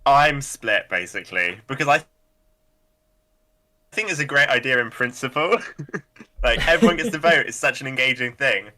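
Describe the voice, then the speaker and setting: A man appearing as a guest on a podcast, chatting casually with a relaxed, wry manner. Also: mid-range voice, normal speed, pauses often.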